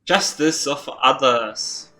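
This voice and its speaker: A man's voice: medium pitch, slow pace, bright, forceful tone. A male streamer reading game text aloud, chatty and laughing at his own slips.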